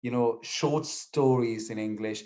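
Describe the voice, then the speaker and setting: Speaking English as an interview guest, a young Syrian man with Kurdish as his first language keeps a measured pace and fairly even intonation. His mid-range voice is slightly mellow, and he uses many fillers and restarts. The casual conversation is captured in slightly dull lo-fi sound.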